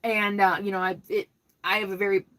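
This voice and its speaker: A middle-aged woman answers viewers' questions on a live stream, rambling casually and restarting often. Her loud, mid-range voice carries well, moving briskly with little pitch movement, over a rough recording.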